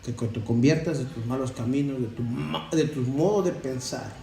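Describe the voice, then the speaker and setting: A man's voice: medium pitch, moderate pace, vocal fry, dark tone. Preachy man, distant and echoey. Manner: preachy, addresses listeners as brothers, frequent rhetorical questions. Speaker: church member giving testimony. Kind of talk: sermon-style testimony. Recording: echoey room from far off with faint ambience.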